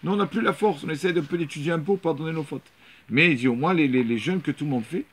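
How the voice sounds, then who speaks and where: Male rabbi, Torah lesson, storytelling, lively delivery restarts, mid-high voice. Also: fast. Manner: animated storytelling with frequent restarts and repetitions.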